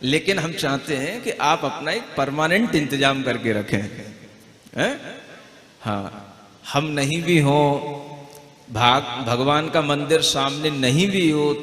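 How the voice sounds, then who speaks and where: A man's voice: on the high side, fairly bright tone. A man, a Jain monk, giving a conversational devotional discourse and teaching a group how to pronounce verses, often checking in with the listeners. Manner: conversational, keeps asking "है ना?", models verse pronunciation slowly. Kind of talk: devotional discourse and recitation lesson. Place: large hall with a gathering. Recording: echoey hall with long reverb.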